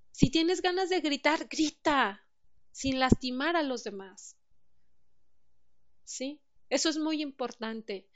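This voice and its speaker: This woman, who speaks on emotional wellbeing, has a Mexican accent and a high-pitched, fairly bright voice, though the audio sounds dull. She delivers an earnest motivational talk, putting direct questions to the listener.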